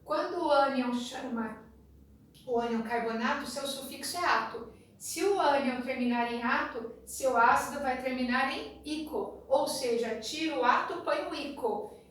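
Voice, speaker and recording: A woman's voice: sits high, a little slow, a bit bright. Echoey Brazilian woman teaching chemistry. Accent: Brazilian Portuguese. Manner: chatty, repeats a sing-song memory rhyme. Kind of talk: classroom lecture. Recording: very echoey room, distant mic, faint noise.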